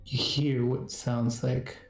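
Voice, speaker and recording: A man narrating a tabletop role-playing game as game master, halting and repeating phrases as he goes. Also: mid-range voice, flat delivery. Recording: roomy echo, faint music behind.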